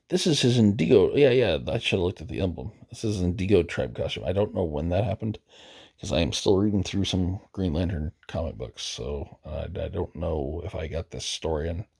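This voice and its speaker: A man's voice: a bass voice, creaky, a little mellow, breathy edge. A man giving casual, rambling commentary while browsing a video game roster, hesitant and often correcting himself, losing his voice. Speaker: gaming video host.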